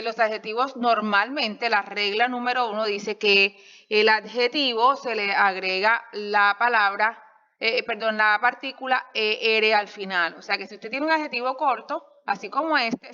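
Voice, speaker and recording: A woman with a bright, clear voice pitched a little high explains grammar in a recorded slideshow lesson. She talks patiently, checks understanding with quick questions and corrects herself as she goes. The sound is dull and carries a long reverb tail. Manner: self-correcting, stretches out example sentences. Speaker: English teacher.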